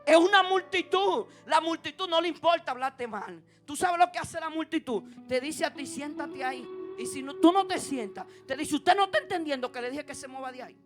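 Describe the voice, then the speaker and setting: High-voiced woman preaching over music. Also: brisk, few pauses. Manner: impassioned, rising to emphatic peaks then dropping low and intimate; asks the congregation repeated rhetorical questions. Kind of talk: sermon. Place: church service.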